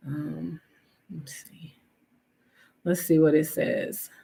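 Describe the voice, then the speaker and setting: A woman hosting a livestream speaks in a deep, dark voice with vocal fry, a level tone, and drawn-out words. Nasal and sniffly with allergies, she chats casually, reads viewers' names, and lets her fillers trail away.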